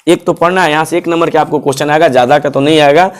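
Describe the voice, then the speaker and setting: A male teacher, a young adult, walks students through which sections of the syllabus to study. His voice sits a little high for a man. He repeats each point and keeps checking that the class has understood. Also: steady tone, very fast. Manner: repetitive, checks if students follow.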